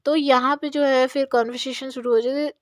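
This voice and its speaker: A woman's voice: high voice, steady tone, fairly quick, dry recording. Chatty woman recapping a show, dry sound. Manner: chatty, repeats "yahan pe" and "jo hai" fillers; opinionated, voices her own reactions. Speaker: reality show recap commentator. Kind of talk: casual episode recap commentary.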